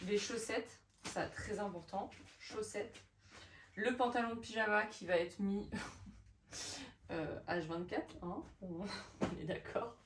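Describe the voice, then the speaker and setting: A woman in her thirties chatting casually in a vlog, expressive and full of fillers. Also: medium pitch, takes it slowly, slight background noise. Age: 30s. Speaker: vlogger.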